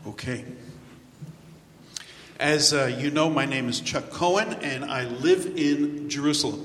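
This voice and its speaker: Walking around a large, echoey church hall with a handheld or headset microphone, an older American man preaches as a visiting speaker, cracking jokes and stopping for his live interpreter. He speaks at a fairly high pitch with a fairly bright tone, over faint ambience and slight background noise.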